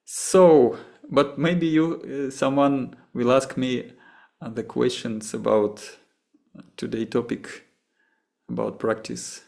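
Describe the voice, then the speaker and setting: A man from Russia with a Russian accent, a meditation teacher answering questions after a session, halting and often restarting as he searches for words. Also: medium pitch, fairly even intonation, vocal fry, darkish tone.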